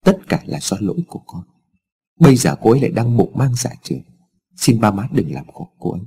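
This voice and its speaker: A man's voice: medium pitch, very animated, fairly quick, warm tone, slightly rough, exaggerated voice. A man voicing a headstrong young son in a told story, speaking in a blunt, defiant way.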